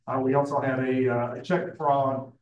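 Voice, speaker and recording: A man, a police lieutenant, giving a crime report at a public meeting in a halting way full of fillers. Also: mid-range voice, little pitch movement, narrow, tinny audio. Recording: roomy, distant from the mic.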